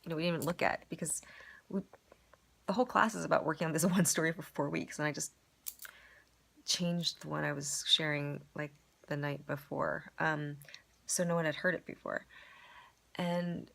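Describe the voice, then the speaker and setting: Low gravelly woman musing aloud. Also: fairly even intonation, moderate pace, pauses often, a bit bright. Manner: rambling, full of "like" and "you know", self-searching. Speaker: storyteller reflecting on a performance. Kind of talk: casual confessional monologue.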